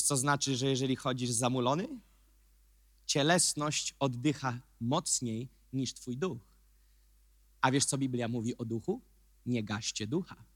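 A male pastor giving an emphatic sermon, dropping to quiet asides and rising to loud, repeated questions. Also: mid-range voice, breathy edge, no echo, clean studio sound. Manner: mocking put-on voices of churchgoers.

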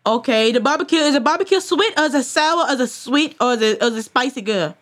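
A woman's voice: sits high, expressive, a bit bright. A woman putting on a fussy accented prank caller. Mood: pushy. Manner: halting, repetitive, pushy questions. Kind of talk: prank phone call.

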